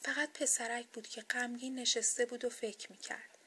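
A woman reading a children's bedtime story aloud, soft, gentle and expressive. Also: on the high side, a little hiss or hum.

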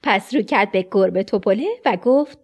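A woman's voice: mid-range voice, husky. A woman narrating a children's story expressively, dropping to a whisper at tense moments. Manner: expressive, dips into whispers for suspense.

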